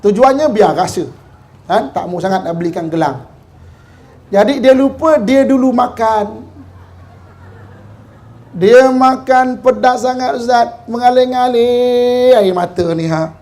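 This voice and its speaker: High-voiced Malaysian preacher man. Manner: animated, acts out quoted characters; chants Quranic verses slowly. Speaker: religious lecturer on a panel forum. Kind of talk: humorous sermon with storytelling.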